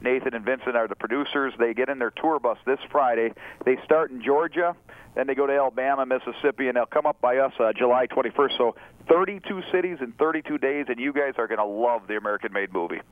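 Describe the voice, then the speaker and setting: A man's voice: mid-range voice, fast talker. A man calling in over the phone as a guest, talking in a rambling, upbeat way with lots of fillers. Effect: heard over the phone. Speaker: store owner calling in as a guest. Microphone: telephone. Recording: tinny phone line, dry.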